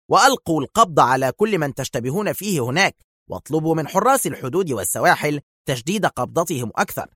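A man's voice: fairly high pitch, fairly bright tone, dry recording, studio quality, pitched above the performer's own voice. A man voicing a nervous, agitated male police chief. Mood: ordering.

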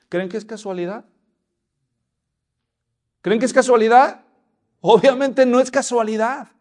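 A man preaching a sermon, telling the story and asking the congregation questions. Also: sits high. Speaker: pastor.

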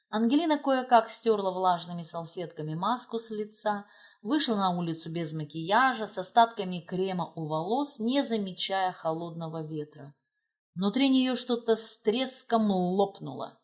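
Expressive woman narrating an audiobook. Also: medium pitch. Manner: expressive, dramatic.

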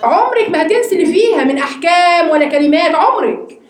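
Egyptian woman teacher, quick questioning delivery, recorded in a reverberant hall. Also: extremely high pitch. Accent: Egyptian Arabic. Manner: lively teacher asking the class questions. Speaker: Quran study teacher. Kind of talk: religious lesson to a women's class.

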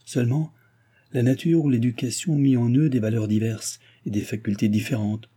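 A man's voice: medium pitch, fairly even intonation, brisk, warm tone, husky, close to an everyday voice. A man playing a cold, arrogant young man who lectures with disdain in a read-aloud novel.

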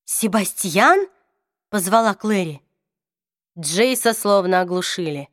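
A woman reading a fantasy audiobook with expressive, dramatic narration, voicing each character. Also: on the high side, normal speed, no room sound, studio quality. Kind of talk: scripted narration.

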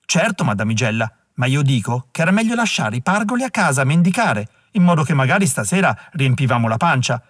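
A man's voice: medium pitch, very animated, fast talker, few pauses, a bit bright, dry recording, studio quality. A man voicing a starving, ragged father from old London, coarse and snappish in his bitter grumbling.

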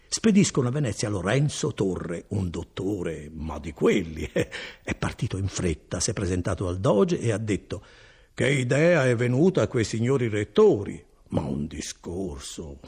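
A man's voice: gravelly, slightly rough, heavily acted. A man voicing a good-hearted, talkative male cousin and foreman in an audiobook reading. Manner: chatty and animated, swinging between high and low.

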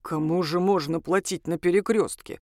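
A woman voicing a polite, insistent male crossroads demon in a spoken story, talking slowly and courteously. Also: on the low side, fairly even intonation, a little mellow, no echo, studio quality, close to an everyday voice.

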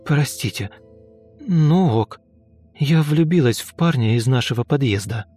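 A man voicing a sulky, rude young woman who talks in a snappish, slangy way and turns shrill when upset. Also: lively intonation, measured pace, mellow, faint music behind.

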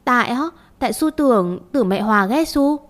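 A woman's voice: fairly high pitch, expressive, brisk, natural voice. A woman doing a timid four-year-old girl. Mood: timid childish. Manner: soft, mumbling childish talk. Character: little girl of about four, timid and sweet.

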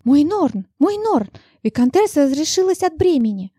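A woman puts on a bustling midwife who bursts out in high, gushing exclamations, her pitch leaping upward. The recording is dry and close, with a mellow tone. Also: big pitch swings, normal speed, no echo. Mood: joyful. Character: excited bustling middle-aged midwife.

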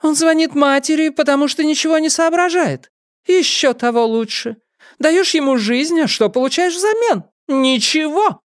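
A man putting on a shrill nagging old mother. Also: animated, moderate pace, no echo, studio quality. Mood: reproachful. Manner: shrill, complaining, melodramatic. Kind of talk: audiobook character voice.

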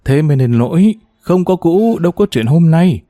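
A man's voice: a little high, animated, normal speed, mellow, no room sound, studio quality, pitched above the performer's own voice, natural voice. Man reading a sulky jealous village woman. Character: resentful jealous middle-aged village woman, sulky and defiant.

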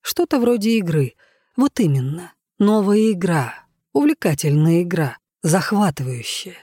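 A patient, measured robot servant from a storybook reading, voiced by a male narrator. The voice is mellow and soft-edged, and the recording is dry and close. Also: sits high, lively intonation, husky, no echo, heavily acted. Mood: patient calm.

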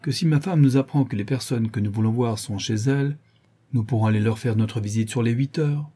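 A man reading the part of a menacing male brigand and murderer in an audiobook, gruff and commanding. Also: mid-range voice, a little fast, dark tone, close to an everyday voice.

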